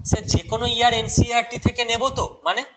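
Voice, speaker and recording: A man's voice: extremely high pitch, little pitch movement, racing, a bit bright, rough recording. A young man with a Bengali accent teaching a live online exam-prep class, chatty and mixing in English terms while answering viewers' questions.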